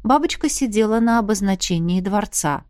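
A woman reading a first-person fantasy novel aloud in a steady, even storytelling voice, close to the mic. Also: mid-range voice, moderate pace, clear, resonant tone, no room sound. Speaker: audiobook narrator.

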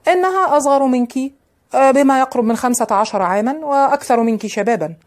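A woman's voice: high-pitched, fast, pitched above the performer's own voice, natural voice. A woman voicing a cruel, mocking young man who speaks harshly and threatens.

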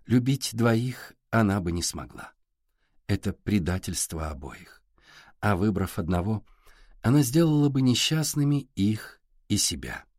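A gentle, composed young woman speaks in a soft, hushed way, as a male audiobook narrator puts her on. The voice sits low and is recorded dry and close. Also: expressive, a little slow, no room sound. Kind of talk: audiobook character reading.

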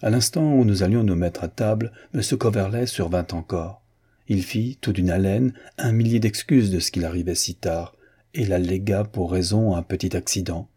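A man narrating a classic novel as an audiobook reader, in an even, unhurried manner. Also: low voice, slightly rough.

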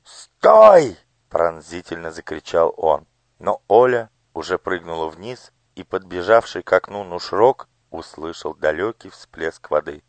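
A man narrating an audiobook in a calm, even storytelling manner. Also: low-pitched, measured pace, dry recording.

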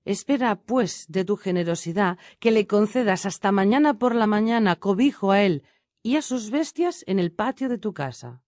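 A cunning male bandit chief from a storybook tale, played by a woman reading aloud. He speaks smoothly and flatteringly at a middling pitch. The recording is dry and close. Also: moderate pace, no echo, natural voice.

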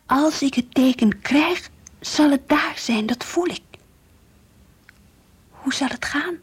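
Speaking slowly, a dreamy, confiding teenage girl from the Netherlands, devout and high-voiced, reads diary passages and dialogue for a Dutch radio play. She comes across as earnest, dreamy and stubborn. A faint hiss runs through the old recording.

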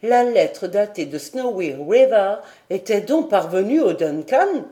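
A woman narrating a classic adventure novel as an audiobook, in a measured, steady reading. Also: mid-range voice. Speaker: audiobook reader.

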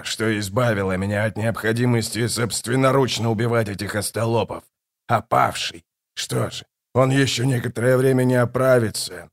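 A man's voice: mid-range voice, natural voice. A man voicing a scornful tyrant king. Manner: contemptuous, rising to furious shouts. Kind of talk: audiobook reading with character voices.

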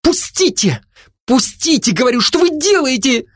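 A man's voice: big pitch swings, normal speed, no room sound, studio quality, exaggerated voice. A man voicing a frightened young barmaid who shrieks and pleads. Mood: terrified. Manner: shrill, pleading.

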